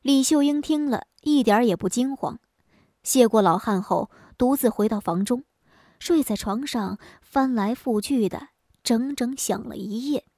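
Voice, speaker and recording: A woman narrating a traditional folk story in a lively, expressive way. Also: on the high side, unhurried, dry recording, clean studio sound.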